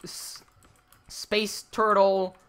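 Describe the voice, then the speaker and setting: This streamer and builder from the Philippines speaks with an Americanized Filipino accent in a high, clean, slightly bright voice, with little pitch movement and drawn-out words. Building on a livestream, he chats casually, rambles, curses and laughs a lot.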